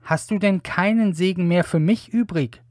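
A man's voice: high voice, moderate pace, a little mellow, no echo, clean studio sound, voice pushed up, natural voice. A man voicing a bitter, wronged elder son who hunts, read in a plain pleading way.

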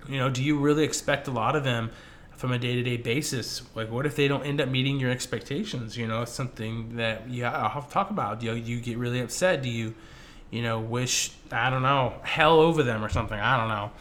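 A man co-hosts a laid-back faith chat, rambling and leaning on fillers as he talks. His tone is bright and forceful, and there is faint noise behind him. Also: medium pitch, a little fast. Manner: rambling, many "you know" fillers. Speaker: co-host.

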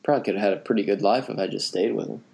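Brief: man, 30s, slightly low voice, casual co-host, rambling storyteller with many restarts. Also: racing, creaky, a crowd in the background. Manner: rambling, self-correcting anecdote teller. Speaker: podcast co-host.

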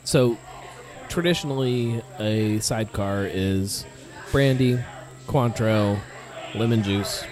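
A man's voice: lowish voice, slow, crowd noise. A man hosting a podcast in casual chat, rambling and correcting himself, laughing easily. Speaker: podcast host.

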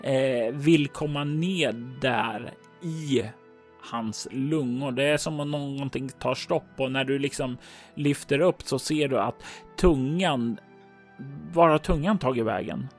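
A game master with a mid-range voice narrates a tabletop role-playing game, calmly describing scenes and calling for dice rolls. Faint music plays in the background.

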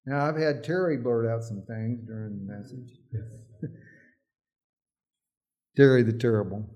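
A man's voice: medium pitch, a little slow, darkish tone. A middle-aged male pastor preaching a sermon, emphatic at times and telling folksy, humorous stories.

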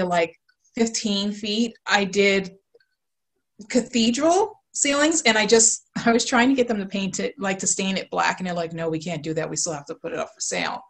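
A woman guest on a video call talking about her design work, gushing and full of fillers. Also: mid-range voice. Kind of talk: casual interview.

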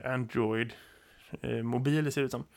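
A man co-hosting a podcast in loose, chatty conversation, his voice gravelly with a touch of fry. He laughs easily and fills his pauses as he talks through ideas. His pitch sits in the middle. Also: fairly even intonation, darkish tone. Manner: chatty, laughs often, many fillers. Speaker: podcast co-host, teacher. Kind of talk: casual podcast chat.

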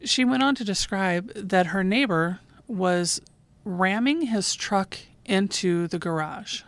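A woman, a 911 dispatcher who hosts her own podcast, calmly narrating a true call in scripted form. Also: mid-range voice, takes it slowly.

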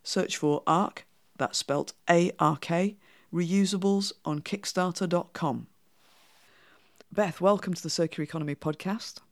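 A woman podcast host with a Yorkshire accent and flat vowels, reading a scripted introduction and interviewing. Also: on the low side, a little slow. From Yorkshire, England.

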